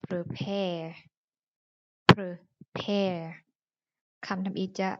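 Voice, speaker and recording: A woman's voice: lowish voice, level tone, fast, noisy background. A woman from Laos, an English teacher, patiently explaining English pronunciation and vocabulary and repeating each word carefully. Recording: dull lo-fi recording.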